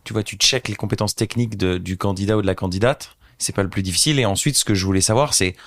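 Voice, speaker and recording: Earnest man in his thirties, low voice. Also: fast talker, no echo, studio quality. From northern France. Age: 30s. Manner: earnest, reflective storytelling. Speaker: guest, company founder. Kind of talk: casual interview chat.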